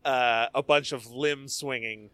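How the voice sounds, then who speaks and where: A man hosting a postgame chat, telling stories and joking in an animated way. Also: medium pitch, unhurried, clear, resonant tone. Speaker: host. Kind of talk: casual chat.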